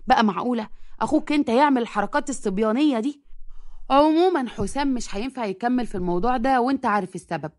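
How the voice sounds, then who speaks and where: A woman doing a calm, dignified Egyptian man. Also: a little high, rapid-fire, natural voice.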